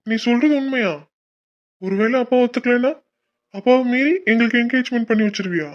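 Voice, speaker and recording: A woman's voice: low-pitched, little pitch movement, a little fast, muffled recording, natural voice. A woman voicing a good-natured young man in love, teasing and easygoing, in a cartoon. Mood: eager. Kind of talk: cartoon voice acting.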